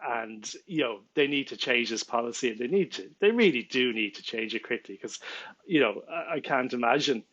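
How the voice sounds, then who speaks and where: Venting straight to camera from a small home room, a man from Ireland in his forties who runs a small business and vlogs speaks in his native Irish accent. He's animated and a bit bright at a moderate pace, often restarting, gesturing and laughing incredulously; the audio is dull.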